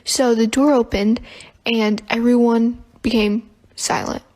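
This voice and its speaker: A young woman narrates a school story in a calm, even manner. Her voice sits a little high. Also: measured pace, rough recording. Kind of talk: casual storytime.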